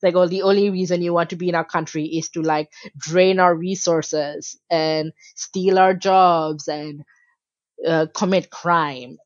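A woman's voice: lowish voice, unhurried, no echo, lo-fi sound. A woman from Malaysia, a podcast guest talking casually and emphatically with many fillers. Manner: animated, emphatic, frequent fillers. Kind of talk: casual interview talk.

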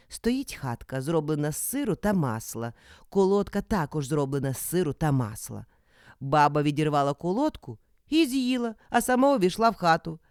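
Expressive Ukrainian woman reading a fairy tale. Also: lowish voice, dry recording, clean studio sound. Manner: expressive, dramatic storytelling. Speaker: actress narrator. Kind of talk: storybook reading.

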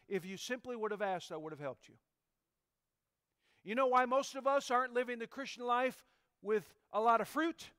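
A middle-aged male pastor preaching a sermon in a notably high, smooth and resonant voice. He leans hard on key words, jumping from loud to quiet. The sound is dry and close. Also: no room sound. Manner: emphatic preaching with sharp swings in loudness.

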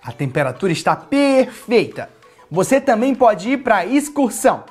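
In a small furnished playroom studio with background music, a young Brazilian-accented man plays a toy doctor for a children's video, presenting a playful story in simple words meant for kids. His high, slightly mellow voice is very animated and keeps a moderate pace.

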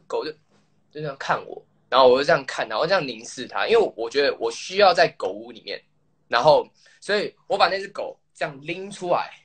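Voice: medium pitch, fairly bright tone, husky. A live-stream host chatting casually, playful and teasing, telling a childhood story and laughing often.

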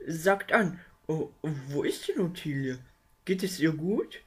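A man's voice: on the high side, lively intonation, takes it slowly, breathy edge, heavily acted. A man voicing a kind, fretful young rabbit in a puppet theater play, calling out and muttering to himself. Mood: alarmed.

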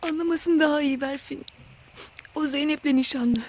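A woman's voice: sits high, fairly even intonation, normal speed, slight background noise, natural voice. A woman playing a sad young woman. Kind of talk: TV drama acting.

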